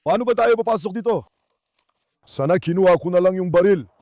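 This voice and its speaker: A man narrating a tense outdoor adventure vlog, urgently calling out to his dogs and switching between loud shouts and hushed warnings. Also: high voice, brisk, no room sound, clean studio sound. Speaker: vlogger and dog owner. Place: forest at night.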